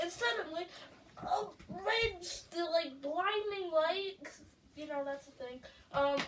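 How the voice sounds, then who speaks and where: A woman co-hosting a casual storytelling game, tossing in quick jokes and giggles. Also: extremely high pitch, distant mic, a little hiss or hum. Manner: joking, quick asides, giggly. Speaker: co-host.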